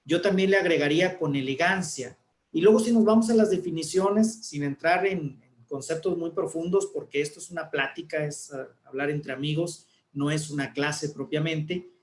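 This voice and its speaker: A man, an announcer, explaining speaking techniques in a relaxed talk and demonstrating intonations. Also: fairly high pitch, moderate pace, echoey room. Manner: didactic, demonstrates intonations with examples. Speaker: guest speaker, announcer and communicator.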